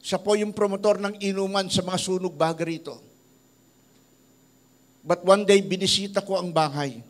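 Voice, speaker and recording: Filipino pastor telling stories from the pulpit. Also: male voice, sits high, moderate pace. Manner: tells stories in a lively voice, quoting people he met. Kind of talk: sermon with storytelling.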